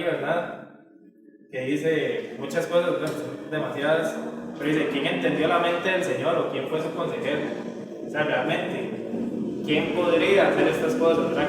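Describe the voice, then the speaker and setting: A man's voice: on the high side, recorded from a distance, slight background noise. Man teaching a Bible study in an echoey hall. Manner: conversational, frequent filler tags and restarts.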